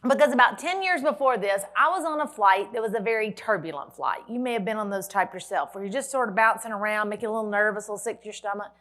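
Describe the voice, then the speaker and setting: A woman's voice: medium pitch, fast talker, hardly any pauses, fairly bright tone. Lady giving a talk at a conference, tells her story big with jokes mixed in, medium voice. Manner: dramatic storytelling with wry humor. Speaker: motivational speaker. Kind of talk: storytelling keynote speech. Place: conference hall.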